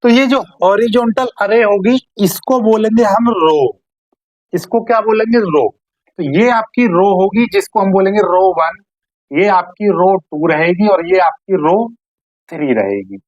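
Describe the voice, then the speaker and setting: A woman teaching math in a classroom style, asking questions and answering them herself, often checking whether listeners follow, and stretching out key terms slowly. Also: mid-range voice, animated, a little mellow, no room sound, highs cut off.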